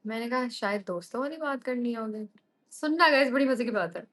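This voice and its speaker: A woman's voice: fairly high pitch, a little fast. A young woman hosting a live stream, telling a story to viewers in a casual way, switching into English often and laughing as she goes. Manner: animated, mixes English into her talk, laughs often.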